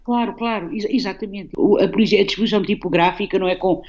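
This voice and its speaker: A woman's voice: mid-range voice, fast talker, a little mellow, lo-fi sound. Reflective Portuguese woman analysing poetry. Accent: European Portuguese. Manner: reflective, analytical, with frequent tag questions. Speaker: guest poet. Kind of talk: radio conversation about poetry.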